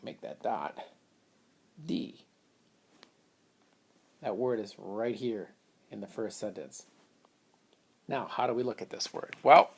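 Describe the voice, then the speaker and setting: At a whiteboard, a man gives a phonics lesson, patiently walking through how to split words into syllables step by step. His voice is fairly low, creaky, darkish and slightly rough.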